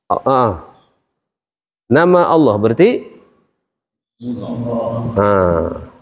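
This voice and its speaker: Brief: male religious teacher, mid-pitched, questioning, long hall reverb. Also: very animated, drawn-out words. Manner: questioning, explains step by step. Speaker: Quran recitation teacher. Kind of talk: classroom lesson.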